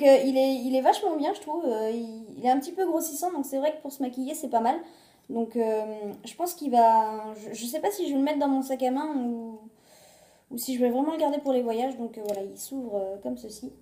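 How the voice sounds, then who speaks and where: In a mellow, high voice, a beauty and shopping vlogger walks through her purchases. The sound is reverberant, recorded on a phone propped on a glass on a table. Her talk is casual and chatty, hesitant, with frequent fillers and false starts.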